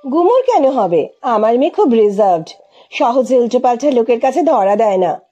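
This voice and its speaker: A wry young wife in an audio storybook, as a woman narrator puts her on, snapping back with dry, sharp retorts. Her voice is fairly high, mellow and breathy. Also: sing-song, moderate pace, muffled recording, soft background music. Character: quick-witted young wife, proud mother.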